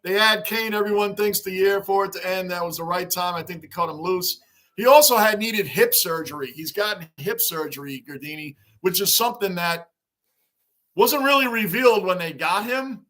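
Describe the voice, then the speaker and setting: Excitable high-voiced livestream host man. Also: moderate pace. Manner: talkative, excitable, shouts greetings to chatters. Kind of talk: casual livestream chat reading fan comments.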